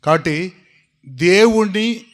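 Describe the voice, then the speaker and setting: A man preaches a sermon, his voice pitched somewhat high. He tells the story with animation, keeps asking his listeners questions and urges them to shout the words back to him. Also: expressive, slow pace.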